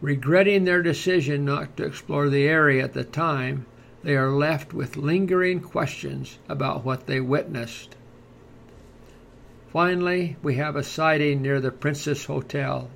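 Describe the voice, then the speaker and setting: Creaky-voiced man narrating like a nature documentary. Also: on the high side, a bit bright, slight background noise. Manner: measured, formal read-aloud delivery. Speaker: podcast narrator and host.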